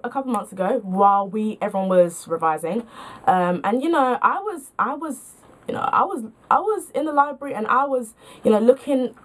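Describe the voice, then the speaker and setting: A young woman tells stories to camera in a casual vlog. She talks in a chatty, self-mocking way. Her sentences are full of filler words. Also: medium pitch. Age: young adult. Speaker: vlogger.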